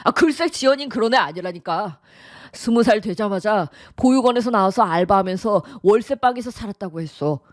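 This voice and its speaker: A man's voice: high-pitched, animated, a little fast, dry recording. Earnest young guy begging his mom, tts voice, pleading, dry close sound. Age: young adult. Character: earnest young man defending his fiancée. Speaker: son in love. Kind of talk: synthesized radio drama voice.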